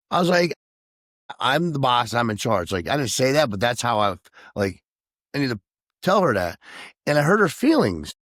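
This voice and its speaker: A man co-hosting a podcast, talking candidly and emotionally about his own past behavior, halting and self-reflective. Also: mid-range voice, dry recording, clean studio sound. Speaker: podcast co-host. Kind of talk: candid personal conversation.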